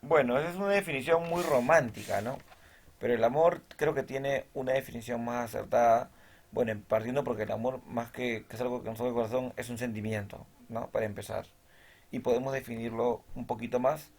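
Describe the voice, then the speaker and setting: A man's voice: mid-range voice, fairly quick. A male teacher giving a recorded lesson. He explains step by step, checks in with his students after nearly every point and reads definitions from the text aloud.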